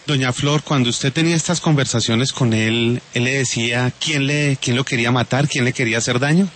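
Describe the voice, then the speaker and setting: Soft-spoken male interviewer. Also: mid-range voice, fairly quick. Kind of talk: interview questions.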